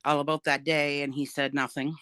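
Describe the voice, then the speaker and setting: Older woman, grandmother, frank and emphatic, bright tense voice, dry close sound. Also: low-pitched, level tone, fairly quick, no echo. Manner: frank and emphatic, with wry laughs. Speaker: guest. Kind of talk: candid interview about family.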